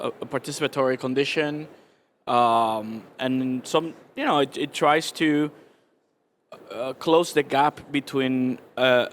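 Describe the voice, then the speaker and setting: A man from Cuba, speaking as a guest artist on a live panel in a halting way, full of pauses and restarts. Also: medium pitch, fairly bright tone, a little hiss or hum. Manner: hesitant, many fillers and restarts.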